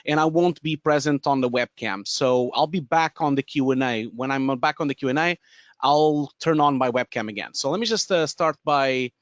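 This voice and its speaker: A man's voice: mid-range voice, normal speed, no echo, dull audio. A man in his thirties from Portugal with a Portuguese accent, presenting a live webinar in a chatty way with many fillers, restarts and laughs, on a headset mic in a home studio room. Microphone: headset with boom mic.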